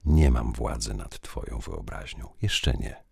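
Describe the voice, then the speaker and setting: A coy young woman from a storybook romance, voiced by a male narrator, who answers her fiancé with sly, tart remarks. The voice is extremely deep and gravelly with a husky grain. The sound is close and dry. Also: lively intonation, measured pace, no echo, heavily acted.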